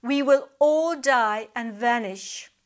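Brief: sly old pelican, pompous and soothing, read by a woman storyteller, higher register. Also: lively intonation, a little slow, fairly bright tone. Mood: dire. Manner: solemn, grandly warning. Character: old scheming male pelican, smooth and grand.

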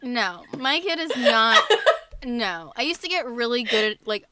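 A woman's voice: on the high side, sing-song, unhurried, heavy background noise. A woman co-hosting a podcast in casual chat, swearing lightly and laughing often. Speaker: podcast co-host.

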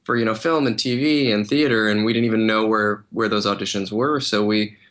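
A man, a guest voice actor, chatting in a podcast interview in a relaxed, hesitant way with many fillers. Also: lowish voice, fairly quick. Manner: relaxed, hesitant, lots of "you know" and "uh".

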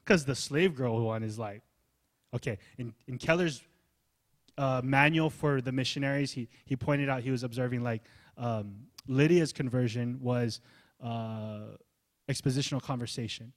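A man preaching a sermon in a loose, conversational way, acting out little asides and building up to energetic emphasis. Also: medium pitch, normal speed. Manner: loose, casual phrasing with fillers. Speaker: pastor.

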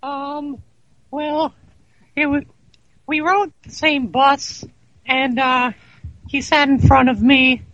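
A man's voice: very high voice, little pitch movement, slow, pauses often, a bit bright, lo-fi sound. A man speaking hesitantly with stammers as a band member guest in a comic mock interview.

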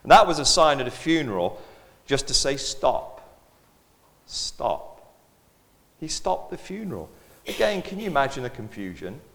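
A man preaching a sermon as pastor, animated and dramatic, acting out the voices of the crowd as he goes. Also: a little high, a little fast. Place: church. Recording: long reverb of a church hall.

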